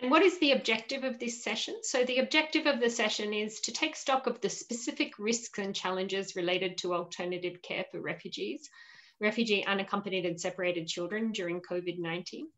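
A woman's voice: medium pitch, a little fast, fairly bright tone. A woman in her forties hosting an online panel session from home over a video call, upbeat and welcoming, with frequent fillers. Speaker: webinar host. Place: home room with shelves. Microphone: laptop webcam video call.

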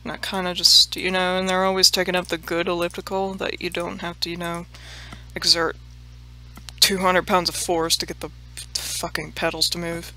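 A woman's voice: lowish voice, flat delivery, normal speed, pushed and bright. A woman hosting a let's play, chatting casually and mocking herself, swearing freely and dropping into murmured half-whispered asides. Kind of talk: casual gameplay commentary.

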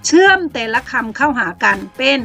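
A woman teaching English to children with a Thai accent, slowly sounding out words syllable by syllable in an encouraging way. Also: high-pitched, expressive, vocal fry, a bit bright, faint music behind.

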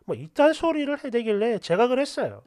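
A woman narrating online posts and their comments for a story channel, expressive and quick with sharp asides. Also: on the high side, no echo, clean studio sound.

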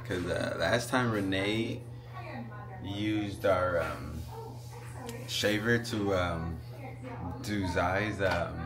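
A man in his thirties chatting casually to his vlog in a laid-back, slangy way, recorded on a handheld phone. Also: sits low. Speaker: vlogger and father. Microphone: phone at arm's length.

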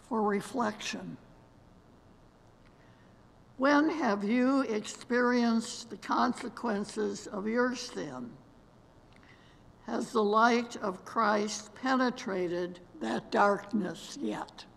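A woman's voice: a little high, very slow, vocal fry. An older woman reading a solemn meditation and prayer at a lectern in a large church sanctuary. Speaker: worship leader. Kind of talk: slow scripted meditation and prayer. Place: large church sanctuary, seated among robed choir. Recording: long church reverb.

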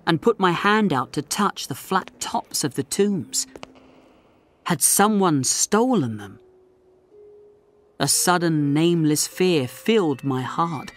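A man narrating a story slowly and clearly for English learners. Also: on the high side, lively intonation, slight background noise. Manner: slow, deliberate, clearly articulated.

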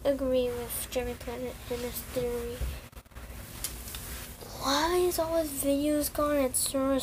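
A young woman with a high voice talks slowly through a casual rant, stopping and restarting often and filling gaps with "like" and "um." A faint hiss of noise sits under her voice. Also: low-quality recording. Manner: rambling, halting, many fillers and restarts. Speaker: online community vlogger.

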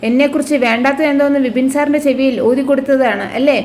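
A woman's voice: high-pitched, fairly even intonation, quick pace, darkish tone, a little hiss or hum, lightly acted. A woman voicing a jealous, bitter young wife who accuses and threatens her sister. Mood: accusing.

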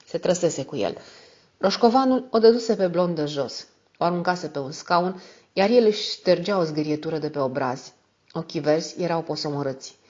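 A woman narrating an audiobook in a steady, even reading style. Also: fairly low pitch. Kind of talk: scripted narration. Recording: dull lo-fi audio.

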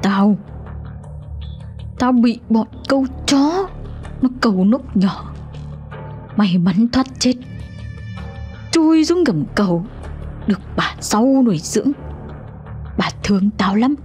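A woman's voice: mid-range voice, expressive, a little slow, long pauses, a little mellow, soft background music, natural voice. A woman voicing a vengeful dog spirit in an old man. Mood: menacing. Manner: menacing, hissing through teeth.

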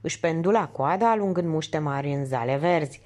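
Lower-voiced woman audiobook narrator. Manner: steady, measured reading. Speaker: audiobook reader.

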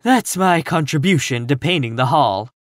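A narrator voicing a plump, timid but cheerful middle-aged woman in a storybook, earnest and gently insistent in her optimism. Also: medium pitch, big pitch swings, a little slow, dry recording, clean studio sound. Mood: breathless, hopeful.

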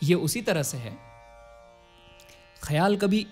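A man teaching classical singing in a high, very animated voice that climbs and dips freely. He explains patiently, poses rhetorical questions and slips into brief sung examples, with faint music playing behind him. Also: slow pace. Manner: asks rhetorical questions to the student.

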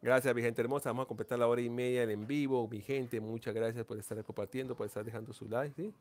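A man's voice: mid-range voice, fairly even intonation, fast, a little mellow. A man hosting a long casual live stream, talking to viewers in an affectionate, repetitive, coaxing way. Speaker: livestream host. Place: seated indoors.

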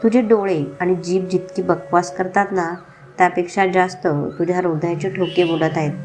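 A domineering young rich man, teasing and commanding, as a woman narrator puts him on. The voice sits low for a woman and the delivery is mocking. Soft music plays faintly underneath. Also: fairly even intonation, normal speed, lightly acted.

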